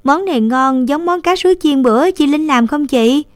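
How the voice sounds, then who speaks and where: A woman voicing a small boy in a story who pleads in a high child's voice. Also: animated, moderate pace, no echo. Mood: curious. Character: small tearful little boy.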